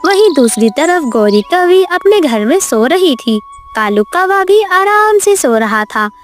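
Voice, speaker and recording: A woman narrating a children's cartoon story in a lively, expressive way. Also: very high-pitched, measured pace, faint music behind.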